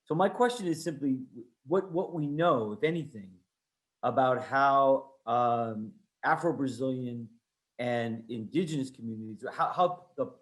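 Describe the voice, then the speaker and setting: A man's voice: mid-range voice, unhurried. A man putting a question to an online panel, careful and restarting his phrases. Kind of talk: webinar panel discussion.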